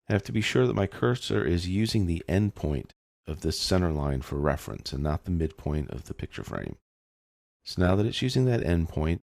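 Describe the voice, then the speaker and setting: In a casual screencast lesson, a man walks through software step by step in a very low, heavily fried voice. The sound is dry, close, and free of echo, and he explains everything informally like an instructor.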